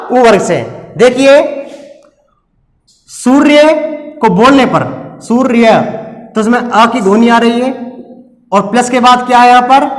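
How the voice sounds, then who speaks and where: A man's voice: very high voice, long reverb tail. A man teaching a recorded lesson, explaining step by step and asking and answering his own questions.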